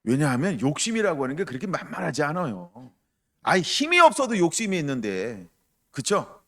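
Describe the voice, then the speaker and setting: A man preaching a sermon as pastor, emphatic, asking the congregation questions and acting out quoted voices with loud bursts. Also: fairly high pitch, big pitch swings, fairly quick. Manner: acts out quoted voices with sudden loud outbursts.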